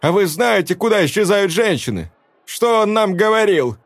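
A man reading a story aloud voices a desperate young woman who shouts through tears at a cowering crowd. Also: mid-range voice, lively intonation, normal speed, no room sound, voice pushed up. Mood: furious accusing. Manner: shouting, tearful, defiant.

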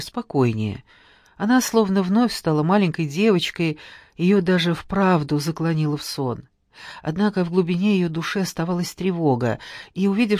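An audiobook narrator reading a historical story in measured, even storytelling. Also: mid-range voice, no echo, studio quality. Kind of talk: scripted literary narration.

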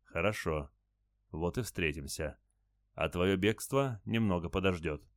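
A man's voice: low-pitched, a little slow, no room sound, clean studio sound. A man voicing a stern, commanding starship captain in an audiobook. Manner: firm, commanding.

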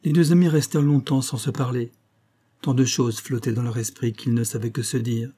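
A man narrating a novel in a steady, even reading voice. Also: mid-range voice, brisk, husky. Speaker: audiobook narrator. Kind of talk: scripted narration.

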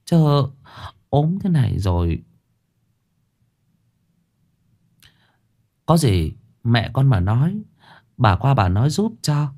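A man voicing a kind old neighbor woman in a told ghost story, soft and pleading. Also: on the high side, huge pitch swings, a little slow, pitched above the performer's own voice, heavily acted. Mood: tender. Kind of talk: storytelling with character voices.

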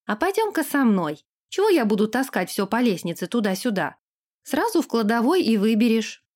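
Woman doing a brisk, bustling housewoman. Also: fairly high pitch, sing-song, a little mellow. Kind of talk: audiobook character voice.

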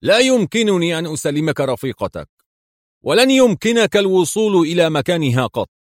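A man's voice: a little high, big pitch swings, brisk, dry recording, clean studio sound, pitched above the performer's own voice. A man putting on an indignant Soviet general. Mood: stern, indignant. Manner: stern and indignant, raised voice. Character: stern, angry middle-aged male Soviet general.

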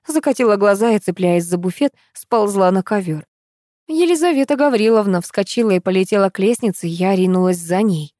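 A woman reads a novel aloud with expressive storytelling. Her pitch sits in the middle range and moves with lively rises and falls. The recording is dry and close. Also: brisk, no room sound. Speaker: narrator. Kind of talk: audiobook narration.

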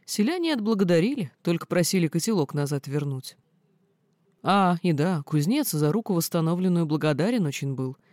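A stern young archmage, blunt and earnest, speaks in a plain, matter-of-fact way, as a woman reads him. The voice is mellow and warm. The recording is dry and close. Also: on the low side, sing-song, a little fast, dry recording. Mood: puzzled.

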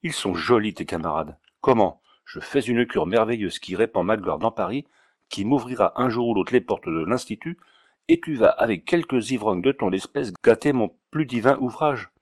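A man's voice: on the low side, lively intonation, moderate pace, no room sound, clean studio sound. A man playing a scolding, pompous doctor. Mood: indignant. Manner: stern, rhetorical scolding. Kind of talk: audiobook reading.

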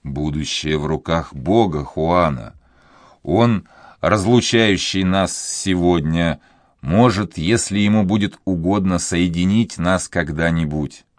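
A man voicing a tender young nobleman in love, speaking in a hushed, trembling, earnest way. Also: low-pitched, slow pace, no room sound, clean studio sound.

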